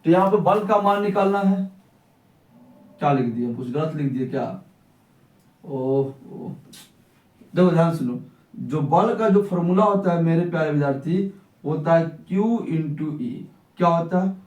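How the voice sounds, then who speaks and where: A man's voice: fairly high pitch, a little slow, long pauses, a little mellow, lo-fi sound. A young man teaching a physics class, who keeps asking questions and answering them himself. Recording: echoey room, mic at a distance.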